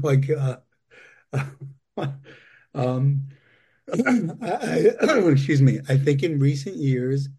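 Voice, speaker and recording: Man, very dark mellow voice, husky, rambling with fillers, casual meeting share. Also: fairly high pitch. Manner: rambling, with fillers and soft laughs. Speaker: member sharing at a recovery meeting.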